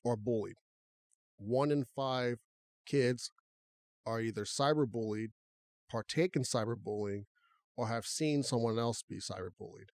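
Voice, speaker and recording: A man's voice: medium pitch, unhurried, long pauses, no echo, clean studio sound. A man co-hosting a podcast, chatting casually and thinking aloud as he talks. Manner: relaxed, conversational, talks through restarts. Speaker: podcast co-host.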